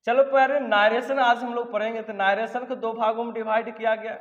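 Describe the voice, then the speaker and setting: High-voiced teacher drilling concepts. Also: male voice, fairly even intonation, brisk, a bit bright, in a large hall, lo-fi sound. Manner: repetitive, drilling reminders to remember; affectionate address to students. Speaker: English teacher. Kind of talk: classroom lesson explanation.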